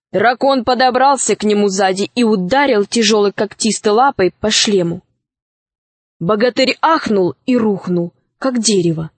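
A woman narrating a fairy tale aloud in an expressive, measured way. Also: fairly high pitch, dry recording.

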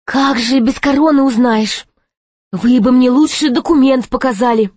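A woman's voice: sits high, normal speed, a little mellow, no room sound. A woman doing a lazy, rambling gate guard. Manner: drawling, rambling.

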